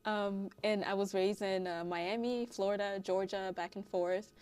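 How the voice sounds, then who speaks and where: A woman's voice: mid-range voice, measured pace, clear, resonant tone. Laughing woman in her thirties from Haiti. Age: 30s. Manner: laughs often, animated storytelling. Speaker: guest. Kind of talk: casual interview.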